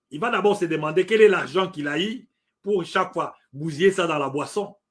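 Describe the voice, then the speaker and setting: With a high-pitched, slightly bright voice, a middle-aged Congolese man offers impassioned opinions on politics. He comes from the Democratic Republic of the Congo and speaks with a Congolese French accent. His delivery is emphatic, repetitive, and dotted with hesitant fillers.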